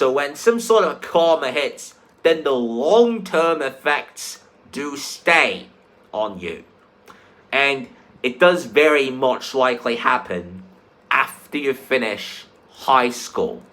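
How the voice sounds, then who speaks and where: A speaker in their twenties delivering an angry, profane comedic monologue, emphatic and repetitive, swinging between subdued talk and shouted outbursts. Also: mid-range voice. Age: 20s. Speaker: ranting vlogger.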